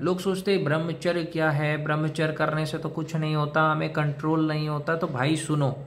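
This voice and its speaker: A man's voice: a little high, a bit bright. A man giving a direct-to-camera advice monologue, lecturing in a repetitive way and talking to the listener like a brother. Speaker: self-help video host.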